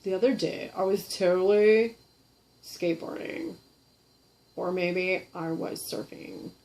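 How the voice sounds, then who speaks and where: A woman's voice: on the low side, takes it slowly, gravelly, a little mellow, low-quality recording. A woman voicing a dopey, laid-back male dragon puppet who drawls like a surfer dude.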